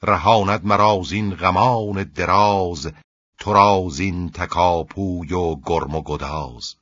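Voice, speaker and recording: A man with a deep, husky voice reciting the speech of a captive young hero in classical verse, in a measured, rhythmic chant. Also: fairly bright tone, no echo. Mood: confiding. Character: captive young male hero, hopeful and earnest. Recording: dull, lo-fi dry recording.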